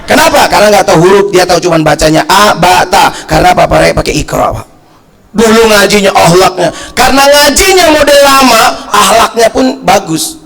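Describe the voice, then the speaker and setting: A middle-aged male preacher from North Sumatra giving a lively sermon, telling stories and acting out the voices of the people in them. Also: high voice, brisk, creaky. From North Sumatra, Indonesia. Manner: animated storytelling, acting out voices of people in anecdotes; loud, shouting emphasis.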